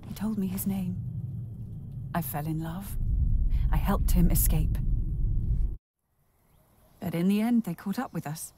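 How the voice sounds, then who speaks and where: An actress playing a mother who tells her son a sad story in a slow, hushed manner, often sinking to a whisper. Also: lowish voice, background noise, natural voice. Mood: mournful.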